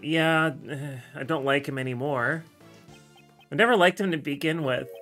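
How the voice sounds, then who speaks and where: A man's voice: mid-range voice, a bit bright. A man giving casual let's-play commentary as he streams a video game, venting his frustration and swearing constantly.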